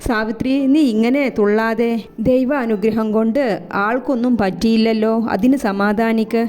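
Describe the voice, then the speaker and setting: Woman narrator for a serialized romance, voicing every character herself, warm dark tone. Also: fairly high pitch, steady tone, normal speed, smooth. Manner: reads every character's dialogue in her own voice. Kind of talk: storybook narration. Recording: soft music behind.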